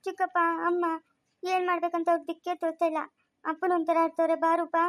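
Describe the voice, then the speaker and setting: Woman playing a scared village guy, very high voice, pretty flat, dry sound. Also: fast talker, dry recording. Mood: urgent. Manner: urgent, pleading. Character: worried young village man, anxious.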